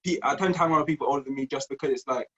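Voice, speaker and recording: A man in his early twenties in casual podcast chat, talking in fast slangy banter. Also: medium pitch, fairly bright tone, poor audio. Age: 20s.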